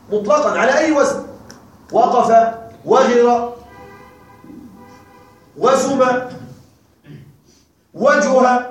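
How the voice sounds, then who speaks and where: A male teacher giving a classroom grammar lecture, repeating and drilling examples slowly and quizzing his students. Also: extremely high pitch. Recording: very echoey room, mic far off.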